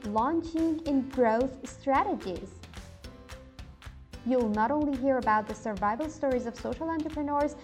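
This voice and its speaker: Upbeat woman host, high voice. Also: a little mellow. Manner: upbeat, addresses listener directly with questions. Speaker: podcast host. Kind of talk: scripted podcast narration.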